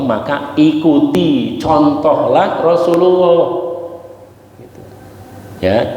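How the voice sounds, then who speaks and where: A man preaching in a mosque, lively and joking, quoting Arabic verses and then explaining them. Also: mid-range voice, lo-fi sound. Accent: Indonesian. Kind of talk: mosque lecture. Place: large mosque hall. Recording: echoey mosque hall, faint ambience.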